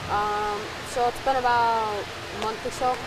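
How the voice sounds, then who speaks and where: A woman giving casual, halting and understated answers as an interviewee. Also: on the high side, steady tone. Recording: distant mic, noisy crowd behind.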